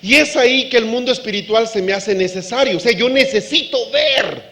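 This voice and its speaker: A man preaching a sermon as pastor, lively, asking the congregation questions and acting out dialogue. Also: extremely high pitch, moderate pace. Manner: animated preaching, acts out dialogue.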